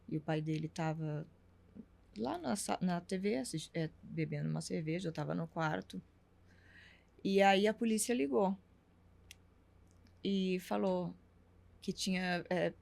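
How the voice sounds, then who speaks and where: A woman's voice: fairly low pitch, gravelly, a little mellow. A middle-aged woman, telling a personal story as a talk show guest and acting out the dialogue. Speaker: interview guest.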